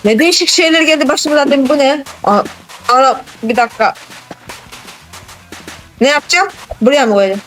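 A gaming channel host giving excitable, casual let's-play commentary, exclaiming and teasing a co-player. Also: sits high, moderate pace, long pauses, soft background music.

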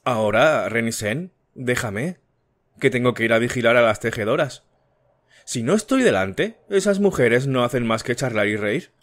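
A man's voice: mid-range voice, expressive, normal speed, a bit bright, close to an everyday voice. A man voicing a sly, fearful older woman servant who dodges questions, in an audiobook. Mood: evasive.

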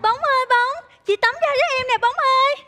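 An actress playing a gentle young woman in a stage comedy sketch, cooing sing-song words to her pet fish. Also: very high voice, a little fast, music in the background.

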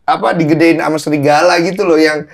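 A man's voice: on the high side, steady tone, fast, over a noisy crowd. A man with a Jakarta Indonesian accent hosting a casual podcast interview, playful and teasing with his guest. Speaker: podcast host.

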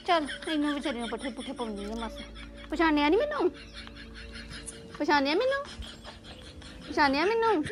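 A high-voiced Punjabi village daughter-in-law, played by a woman in a homemade web drama. She grumbles dramatically to herself, full of exclamations. Faint music sits behind her. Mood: exasperated, then playful scolding.

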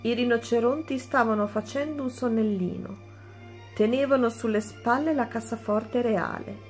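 A woman teacher reading a children's story aloud, slow and clear. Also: fairly high pitch, soft background music.

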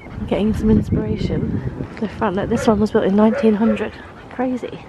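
A young woman chatting casually in a vlog, her voice croaky and bunged up from a cold. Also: medium pitch, moderate pace, noisy background. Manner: chatty, softly sing-song baby talk. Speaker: vlogger. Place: outdoors, walking along a road. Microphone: handheld camera.

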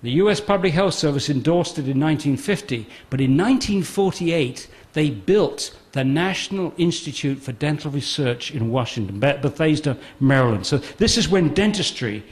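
A man's voice: a little high, animated, normal speed, few pauses. A man giving a public talk, emphatic and sarcastic, often repeating phrases for effect. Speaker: guest speaker. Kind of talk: public talk on a health controversy.

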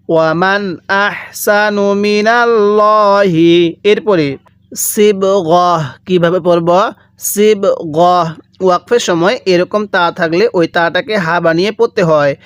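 High-voiced male Quran teacher, slow recitation. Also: no room sound, studio quality. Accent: Bangladeshi Bengali. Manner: drawn-out slow recitation, repeated for students. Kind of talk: slow step-by-step recitation lesson.

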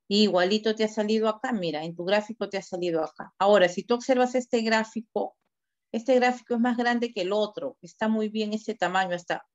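A woman, a teacher giving direct, corrective feedback on student work over a video call. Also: medium pitch. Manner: direct, corrective, gives step-by-step instructions. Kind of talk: online class feedback. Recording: dull lo-fi video call audio.

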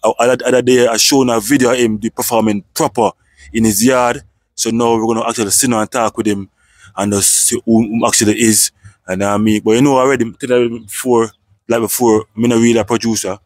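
A man's voice: lowish voice, no room sound, studio quality. A man hosting a vlog interview outdoors, with a loose style full of "know what I mean". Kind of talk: casual interview talk. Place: outdoors, sitting by a dirt road.

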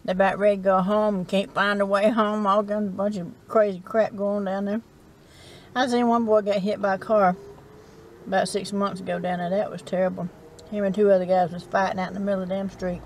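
A woman's voice: medium pitch, darkish tone, slight background noise. A middle-aged woman with a Southern US accent, chatting in a rambling, folksy way as she eats in her parked car at night, recorded on a dashboard camera. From South Carolina. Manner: rambling, folksy, chats while eating. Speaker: vlogger. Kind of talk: casual chat.

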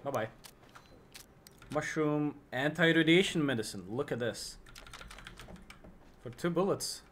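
A man streaming a video game with joking, excitable commentary. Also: a little high, measured pace, a little hiss or hum. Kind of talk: gameplay commentary.

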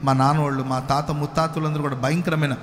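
A male pastor from Karnataka giving a sermon testimony, moving from soft pleading to loud exclamations and calling for hallelujahs. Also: a little high, little pitch movement, quick pace. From Karnataka, India. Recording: echoey hall with faint noise.

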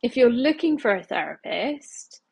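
A woman's voice: fairly high pitch, very animated, a little slow, gravelly, slightly rough. A woman in her thirties, a healing practitioner, talking casually to camera from her living room, chatty and laughing often. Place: small home living room, indoors.

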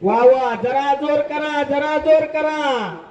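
This man comes through a loudspeaker PA system, high in pitch and heard from a distance. The sound is muffled and echoey, and he mixes excited race calls with firm warnings to the crowd. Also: slow. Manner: exclaims praise again and again, firmly repeats crowd rules. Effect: over a loudspeaker PA system. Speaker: race commentator and announcer. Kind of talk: live sports commentary. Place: outdoor bullock cart race ground.

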